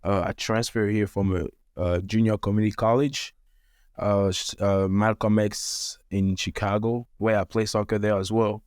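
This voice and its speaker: A young man from Cameroon chats as a podcast guest, pausing often on fillers. His voice sits fairly low. The sound is dry and close. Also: level tone, a little mellow, clear, resonant tone, no room sound. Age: young adult. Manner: hesitant, many fillers. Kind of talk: casual podcast chat.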